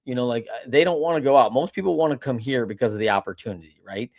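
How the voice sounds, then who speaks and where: A man hosting a podcast interview, chatting casually in an animated, folksy way. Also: medium pitch, fast talker. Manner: animated, folksy, talks in asides. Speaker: podcast host.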